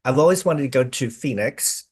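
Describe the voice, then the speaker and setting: A man's voice: medium pitch, lively intonation, moderate pace, a little mellow, breathy edge. A man hosting a casual video-call interview, chatty and effusive, with many restarts. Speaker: host.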